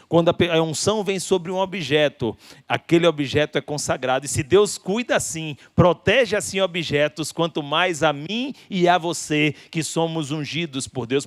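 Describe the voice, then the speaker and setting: A man with a Brazilian Portuguese accent, preaching a sermon as a pastor with emphatic delivery and deliberate pauses. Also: a little high, no echo, studio quality.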